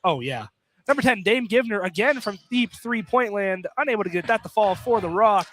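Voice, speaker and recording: The announcer, a man, has a high, animated and fairly bright voice and talks a little fast as he calls live college basketball for radio. Working courtside in an indoor field house, he uses clipped phrasing and refers to players by number amid a noisy gym broadcast.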